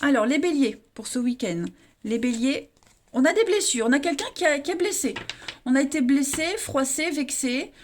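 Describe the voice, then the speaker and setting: A woman reads tarot cards for her viewers in a loose, chatty way. Her voice sits high, and she keeps stumbling into fillers and restarting her sentences. She talks to the audience as her friends. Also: moderate pace, a little hiss or hum. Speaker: tarot reader. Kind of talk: casual tarot reading for viewers.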